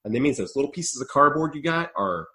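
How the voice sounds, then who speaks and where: A man's voice: medium pitch, animated, quick pace, sharp tone. Rambling, laughing man hosting a podcast. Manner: rambling, laughs often, swears casually. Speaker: podcast host. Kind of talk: casual chat.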